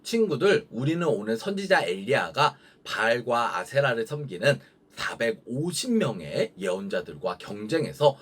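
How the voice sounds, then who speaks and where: A young man preaching a children's sermon, telling the story in a gentle, sing-song way for kids. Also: medium pitch, big pitch swings, moderate pace, hardly any pauses.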